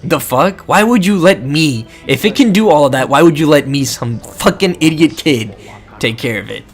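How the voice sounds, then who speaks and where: A man's voice: a little high, expressive, moderate pace, soft background music. Man playing a hotheaded swearing young hero. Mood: exasperated. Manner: exasperated, sweary outbursts. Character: hotheaded young male hero, blunt and crude.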